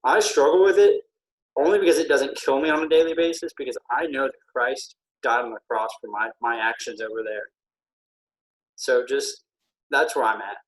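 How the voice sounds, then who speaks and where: In a relaxed podcast chat, a sick veteran speaks with earnest hesitation, stopping frequently. He has a medium-pitched voice, captured on a low-quality recording.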